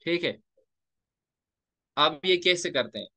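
A man teaching Quran recitation rules in a lecture, explaining step by step and slowing down to recite example verses. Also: a little high, lively intonation, bright, forceful tone, dry recording.

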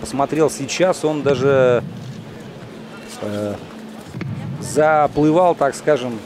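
A man giving live boxing commentary in measured, short phrases with pauses. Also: mid-range voice, music in the background.

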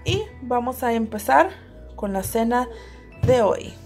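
A woman's voice: fairly high pitch, expressive, normal speed, over music. A young woman vlogging from her home kitchen, chatting casually and switching between English and Spanish as she cooks. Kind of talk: casual cooking vlog chat. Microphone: handheld phone camera.

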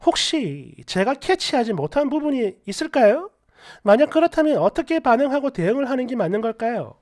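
A woman's voice: fairly high pitch, very animated, fairly quick, a little mellow. A woman in her thirties narrating a first-person story, indignant and sarcastic.

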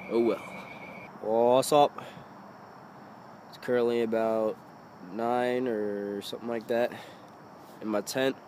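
Young male vlogger, unhurried and offhand, phone held at arm's length, faint noise behind. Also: on the low side. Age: young adult. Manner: relaxed, slow and offhand. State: sick. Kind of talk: casual travel vlog. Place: car, campsite and tent.

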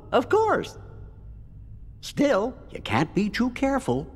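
A man's voice: very high-pitched, wildly swooping pitch, slow, exaggerated voice. A man voicing a fretful older male cartoon cricket who speaks carefully. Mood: worried. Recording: long hall reverb.

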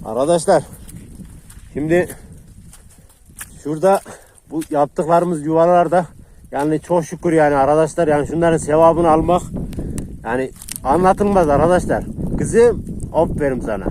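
A man records himself outside in the snowy countryside, chatting casually to his viewers as he hands out food to dogs. His voice sits a little high and turns soft and soothing when he talks to the animals. Faint outdoor noise is heard under the handheld recording. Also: normal speed, long pauses. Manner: shouts excitedly while running. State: cold, hands freezing. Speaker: vlogger feeding stray dogs. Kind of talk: casual vlog talk to viewers.

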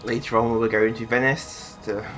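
A man's voice: medium pitch, flat delivery, moderate pace, fairly bright tone, soft background music. A man casually commentating on a video game in a joking, chatty way. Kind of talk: casual let's-play commentary.

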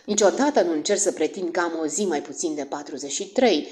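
A woman voicing a fussy, self-absorbed middle-aged wife with a strident, shrill voice and a gushing, self-dramatizing manner, in an audiobook. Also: darkish tone, lightly acted.

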